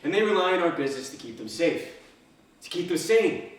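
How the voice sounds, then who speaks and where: A man's voice: fairly high pitch, expressive, fairly quick. A man delivering a theatrical first-person monologue, telling his story dramatically with wry, dry humour. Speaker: solo stage performer. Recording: very echoey stage, distant microphone.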